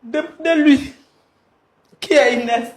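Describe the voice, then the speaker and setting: A woman's voice: high voice, slow, darkish tone, reverberant. A woman confronting her husband, accusing him and repeating herself insistently. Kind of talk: heated confrontation.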